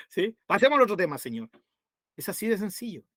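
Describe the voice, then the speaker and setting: A man's voice: high-pitched, big pitch swings, normal speed, a bit bright, no room sound, clean studio sound. A man teaching a Bible study to his congregation, conversational, with constant rhetorical tag questions.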